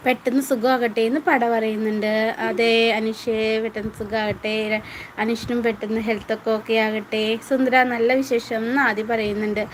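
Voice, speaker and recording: A woman's voice: a little high, level tone, normal speed, a little hiss or hum, low-quality recording. A woman hosting a casual live stream at home, reading viewer comments aloud and answering each viewer by name in a chatty way.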